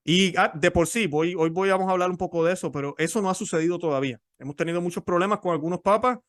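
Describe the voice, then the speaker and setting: A man's voice: high voice, fast talker, no room sound. A man explaining church history in a teaching talk, often repeating and restarting words.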